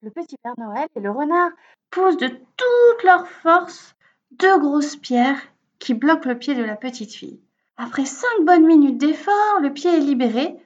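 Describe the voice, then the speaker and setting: Woman storyteller for children: high, gentle, expressive; dull lo-fi recording.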